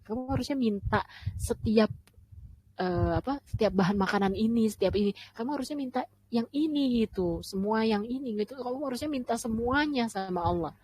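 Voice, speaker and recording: A woman voicing a whiny crowd of ancient grumblers who scold and blame, rattling off demands in a high, nagging tone. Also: no echo, lightly acted, rough recording. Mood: indignant listing. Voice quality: high, scolding, listing things rapidly.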